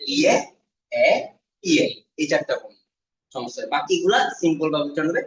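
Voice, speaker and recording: Teacher drilling syllables in an echoey classroom. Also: male voice, a little high, very animated, fairly bright tone. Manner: repeats syllables slowly for students to echo. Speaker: Korean language teacher. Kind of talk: classroom lesson. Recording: echoey room, distant muffled mic.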